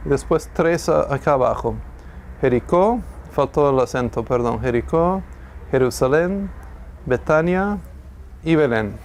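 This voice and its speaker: A man's voice: mid-range voice, expressive, a little slow, slight background noise. A man teaching a classroom Bible lesson, thinking aloud, correcting himself and asking the class questions.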